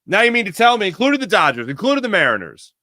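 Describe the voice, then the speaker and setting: A man hosting a casual sports podcast, reading viewer chat with sarcastic, animated commentary. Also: very fast, dry recording, studio quality. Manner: reads ad copy with big pitch swings. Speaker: podcast host.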